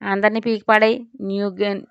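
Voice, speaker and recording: A woman voicing Janu, a fierce sharp-tongued young woman. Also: mid-range voice, flat delivery, normal speed, gravelly, clean tone, no room sound, natural voice. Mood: snappy. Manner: snappy, scolding. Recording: dull, dry.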